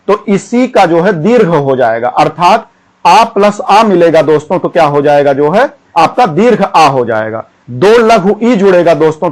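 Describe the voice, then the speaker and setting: A man teaching an exam-prep grammar lesson, chanting syllables slowly one by one and often repeating a filler phrase. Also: high-pitched, darkish tone, rough recording.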